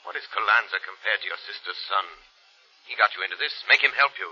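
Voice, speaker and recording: An actor playing an ominous, commanding invisible detective in an old AM radio drama, with theatrical formal diction. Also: male voice, lowish voice, fast talker, husky. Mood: urgent, ominous. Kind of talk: 1940s radio drama acting. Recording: dull vintage AM radio recording.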